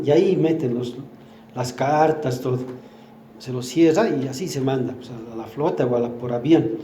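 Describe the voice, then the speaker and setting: A man's voice: medium pitch, mellow, echoey room, a little hiss or hum. An older man gives a sermon at church, teaching with everyday examples and asking the congregation questions. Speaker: church speaker.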